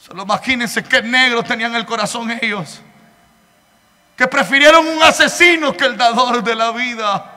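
A man preaching a sermon, moving between loud shouted stretches and quiet, close asides, calling his listeners "hermano" again and again. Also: very high-pitched, moderate pace. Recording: long hall reverb.

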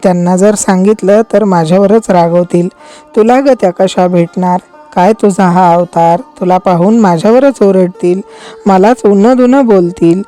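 A woman's voice: mid-range voice, normal speed, close to an everyday voice. Woman reading as an anxious palace maid. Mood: wary. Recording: soft music behind.

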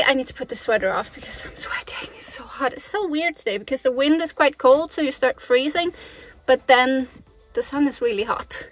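A woman's voice: high-pitched, fairly bright tone. A young woman, talking to camera in a chatty, enthusiastic travel vlog. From Denmark. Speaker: travel vlogger. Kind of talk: casual vlog narration to camera.

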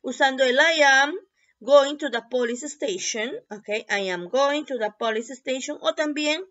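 A woman teaching a bilingual English lesson, repeating each word slowly and often checking with a quick "ok?". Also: high-pitched, fairly bright tone. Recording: dull lo-fi recording.

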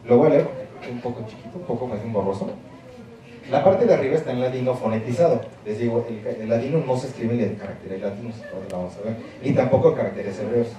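A man's voice: mid-range voice, fast talker, warm tone. A man giving a university lecture, explaining emphatically and checking in with the audience as he goes. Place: lecture hall. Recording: very echoey hall, mic far off, audience noise.

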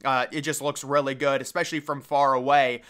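A man's voice: medium pitch, flat delivery, fairly quick, fairly bright tone, smooth. A young man giving casual, opinionated voice-over commentary on ballpark designs, thinking aloud as he goes. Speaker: baseball stadium commentator.

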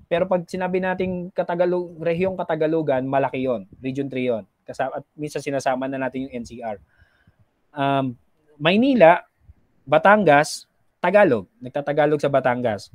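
A man with a slightly high voice gives a recorded lesson, explaining patiently and lightly acting out how people in different regions speak. The sound is close and dry, with no room around it. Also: no echo. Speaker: teacher. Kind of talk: recorded classroom lecture.

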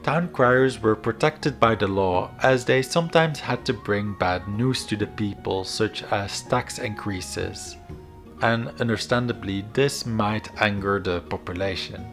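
A man giving a scripted educational history narration in a measured, explanatory manner. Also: fairly low pitch. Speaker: video narrator. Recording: background music under voice. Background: instrumental music.

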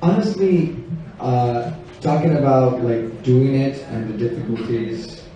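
Young guy on a panel mic, gushy and laughy, booming hall way off. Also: measured pace, muffled recording. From Italy. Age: 20s. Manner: animated, gushing, laughs easily. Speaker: panel guest actor. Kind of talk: casual panel chat. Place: convention stage, indoor hall. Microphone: handheld mic, far camera. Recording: echoey hall from far off, faint noise.

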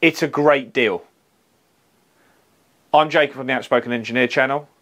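A man's voice: medium pitch, moderate pace, a bit bright. A man, reviewing trade tools in a practical, plain-spoken way, on a lapel mic in an office. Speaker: HVAC engineer reviewing tools. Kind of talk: product review presentation.

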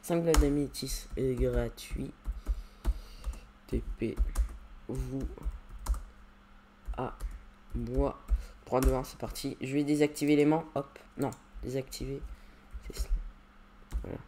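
A man's voice: medium pitch, fairly even intonation, slow pace, long pauses, mellow, a little hiss or hum. Man, gameplay commentary, casual, rambling, hesitant, fillers, faint keyboard clicks. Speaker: YouTuber.

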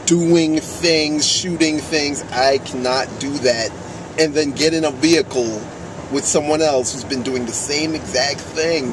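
A man in his twenties chatting for a vlog in a weary, deliberate way. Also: fairly high pitch. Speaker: video creator, vlogger. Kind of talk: casual vlog chat. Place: inside a car. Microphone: camera in the car. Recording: noisy car interior.

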